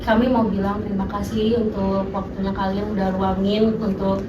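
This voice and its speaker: A woman's voice: medium pitch, little pitch movement, moderate pace, highs cut off. A woman moderating a student focus group, greeting and guiding participants in a friendly, upbeat way. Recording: echoey room, far from mic, background noise.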